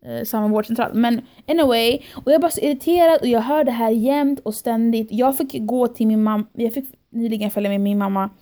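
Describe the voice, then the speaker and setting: A young woman tells a story as a podcast guest, her voice mellow and a touch high. She acts out what she and others said in the moment and slips English phrases into her talk. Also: hardly any pauses. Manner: animated storytelling, quoting herself and others. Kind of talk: casual podcast chat.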